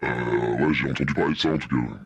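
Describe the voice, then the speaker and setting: A man, a mystery guest on a radio panel show, speaking through a voice changer that makes him sound very deep. He gives short, hesitant answers full of fillers. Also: fairly even intonation, very fast, slightly rough, lo-fi sound. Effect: disguised voice, pitched very deep by a voice changer.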